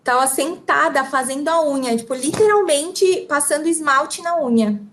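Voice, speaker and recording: Keeping up with the speaker, a woman relays a talk in consecutive interpretation, one phrase at a time. She has a Brazilian Portuguese accent and a high, slightly bright voice, and she talks fast.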